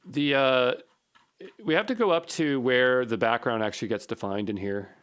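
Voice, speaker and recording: This programming instructor's mid-range voice is smooth and a bit bright, moving at a moderate pace. In an unscripted coding walkthrough, he thinks out loud and repeatedly mutters short phrases while working things through.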